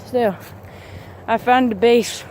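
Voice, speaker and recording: A man's voice: extremely high pitch, fairly even intonation, slow pace, darkish tone, slight background noise. A man talking through a gender swap voice filter that makes him sound like a woman, rambling hesitantly in a casual vlog from up in a tree in the woods. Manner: hesitant, rambling, many fillers. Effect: gender swap voice filter making him sound like a woman.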